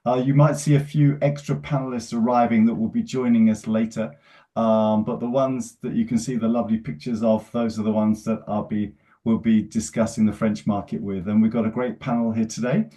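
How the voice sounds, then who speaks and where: A man's voice: lowish voice, little pitch movement, fairly quick, dark tone. A man moderating a webinar on a video call, friendly as he introduces panelists and sometimes stumbles over their names. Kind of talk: hosting a webinar.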